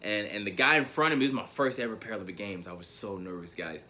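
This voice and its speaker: A young adult man giving a motivational speech, telling a personal story in an animated way, often repeating his words and calling the audience "guys". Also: fairly low pitch, fast, slight background noise. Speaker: motivational speaker.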